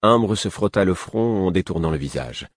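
A male audiobook narrator with a very deep, husky voice reads a first-person novel. His delivery is measured and even. The recording is dry and close, with no room sound. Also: no room sound.

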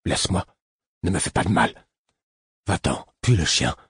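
A man voicing a hostile, simple-minded young male servant who speaks hoarsely with a slack mouth and gives blunt commands, in an audiobook. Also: sits low, expressive, moderate pace, fairly bright tone, no echo, studio quality, heavily acted. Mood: fearful.

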